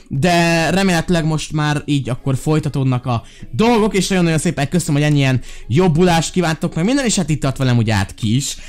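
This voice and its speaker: A man hosting a Minecraft let's-play, talking in an animated, exclaiming way and giving bossy orders, with a lingering cough after being ill. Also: fairly high pitch. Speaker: gaming video host.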